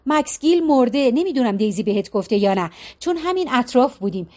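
Audiobook: female narrator as worried middle-aged mother, hushed earnest delivery, high-ish register. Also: lively intonation, lightly acted.

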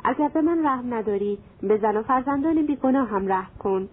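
A woman's voice: fairly high pitch, lively intonation, slight background noise, natural voice. Storybook brief: woman reading a scared merchant begging for mercy, thin narrow sound. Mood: pleading. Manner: pleading, desperate. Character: frightened male merchant pleading for his life. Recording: tinny phone-like sound.

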